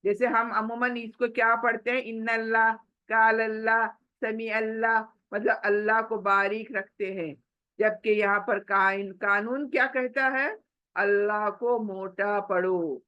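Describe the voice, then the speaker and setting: A woman teaching Quran recitation, patiently explaining and repeating each word slowly so learners can follow along. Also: mid-range voice, fairly even intonation, pushed and bright, dull audio. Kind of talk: spoken lesson with slow recited examples.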